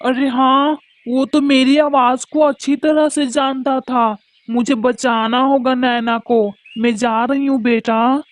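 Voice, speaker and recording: A woman's voice: high voice, fairly even intonation, slow, no echo. A woman voicing a caring, protective mother bird in a cartoon, anxious and motherly. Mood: worried.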